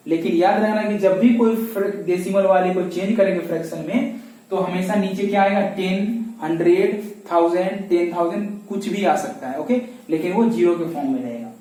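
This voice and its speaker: A man's voice: high voice, warm tone. A man teaching a math lesson step by step, asking questions and answering them himself, recorded from a distance. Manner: asks questions and answers them himself, repeats key steps. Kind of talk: classroom lesson explaining step by step. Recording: echoey room, voice from a distance.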